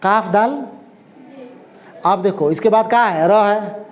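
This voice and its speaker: A man's voice: high-pitched, slow, dull audio. A man teaching a language class, repeating each word and often checking that the students follow. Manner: repeats words and keeps checking understanding. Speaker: Urdu teacher.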